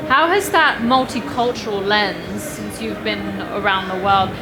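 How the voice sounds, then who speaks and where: A woman's voice: medium pitch, unhurried, a loud crowd, rough recording. A young adult woman hosting a fireside interview, upbeat and gushing, with fillers. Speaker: interview host. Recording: clear background noise.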